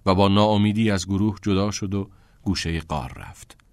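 Brief: low male narrator, measured, dry close sound. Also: no echo. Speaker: audiobook narrator. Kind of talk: scripted narration.

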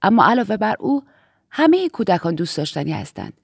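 A woman reads a first-person audiobook at an ordinary middle pitch, steady and even. The recording is dry and close, with no room sound at all. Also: creaky, husky, no echo. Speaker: audiobook narrator.

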